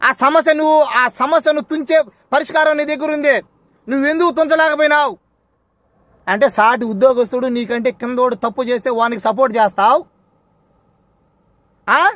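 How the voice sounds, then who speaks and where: High-voiced, accusing man. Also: moderate pace, long pauses, fairly bright tone, dry recording. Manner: accusing and confrontational, hammering repeated questions. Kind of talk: impassioned address to a camera.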